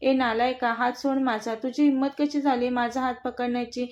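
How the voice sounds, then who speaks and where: A woman's voice: on the high side, level tone, moderate pace, darkish tone, lightly acted. A woman voicing a fiery young wife in a storybook reading, indignant and scolding. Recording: dull lo-fi recording.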